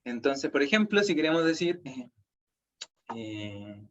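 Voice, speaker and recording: A man's voice: mid-range voice, sing-song, a little slow, a bit bright, dull audio. A man with a Chilean Spanish accent teaching a language class online, explaining step by step and checking in with students often.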